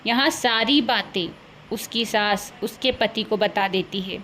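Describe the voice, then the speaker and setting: A woman's voice: mid-range voice, a little slow, pushed and bright, a little hiss or hum, low-quality recording. Woman narrating a cartoon story. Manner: plain, sympathetic storytelling.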